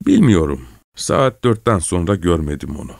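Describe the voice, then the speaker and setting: A man's voice: low-pitched, sing-song, normal speed, creaky, darkish tone, dry recording, studio quality, full character voice. A man voicing an exhausted old father who talks in a tired grumble. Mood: weary.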